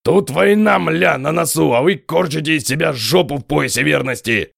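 A man voicing a hot-tempered, foul-mouthed male healer who curses and rants in drawn-out yells. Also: a little high, lively intonation, creaky, no room sound, studio quality, pitched above the performer's own voice, heavily acted. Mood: ranting. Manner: cursing, ranting, drawn-out shouts.

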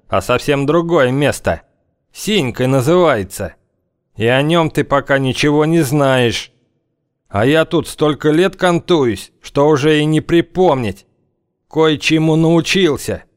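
A man voicing a hard, sinister gang leader who warns slowly and ominously, using thieves' slang. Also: mid-range voice, animated, clean tone, dry recording, studio quality, pitched above the performer's own voice, natural voice. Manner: slow, ominous, heavy with slang.

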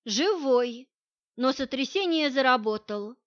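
A woman reading the lines of a tired, curt male security man in an audiobook, in a flat, dry delivery. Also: sits high, unhurried. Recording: dull lo-fi audio.

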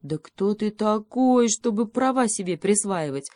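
A woman's voice: mid-range voice, fairly quick, mellow, no echo, lightly acted. A woman voicing a stubborn young beaver cub who protests indignantly.

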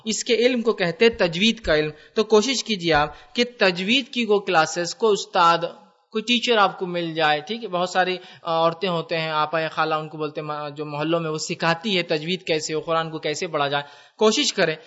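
A man's voice: a little high, a bit bright, muffled recording. A man giving a conversational religious lecture to students, asking them questions and mixing English words into his Urdu. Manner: conversational, asks the audience questions. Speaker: Islamic lecturer.

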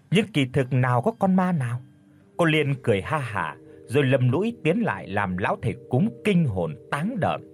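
Brief: male audiobook narrator for a spooky tale, husky tone, lively pitch swings. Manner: expressive, storytelling delivery. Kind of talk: dramatic horror story narration.

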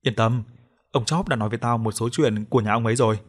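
Cheeky young village lad from a spoken audio story, brash and sure of himself, with an everyday middle-pitched voice, as voiced by the male narrator. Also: fast, natural voice. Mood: casual.

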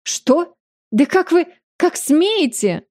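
A woman's voice: high voice, animated, normal speed, a little mellow, no room sound, studio quality, pitched above the performer's own voice. A woman doing a shrieking furious noblewoman. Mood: shrieking outrage. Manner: shrieking, indignant, out of breath. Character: shrill, furious stout noblewoman, mother.

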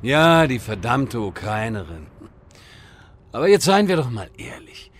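A man performs the role of a grumbling, self-important wizard in a comedic audio drama, whiny, theatrical, and excitable like a child. He speaks unhurriedly in a mid-range voice.

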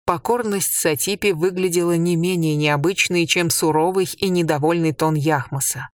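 An audiobook reader narrating a story in an even, measured way. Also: mid-range voice, no room sound, clean studio sound, distant mic.

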